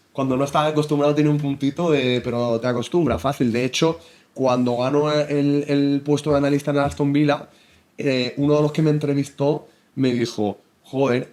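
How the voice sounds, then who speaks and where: A young Spanish man with a Spain Spanish accent, a football analyst chatting in an interview, halting with many restarts. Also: medium pitch, a little mellow. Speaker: football analyst and coach, guest. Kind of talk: casual interview chat.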